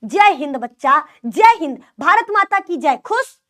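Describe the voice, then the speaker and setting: High-voiced Hindi biology teacher woman. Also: very animated, unhurried, fairly bright tone. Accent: UP-Bihar Hindi. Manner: repetitive, call-and-response teaching with mnemonic jokes. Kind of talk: online class lecture.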